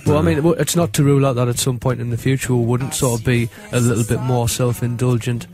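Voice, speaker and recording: A man in a band, explaining things in a measured way during a casual radio interview. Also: medium pitch, steady tone, a little mellow, soft background music. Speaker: band member being interviewed.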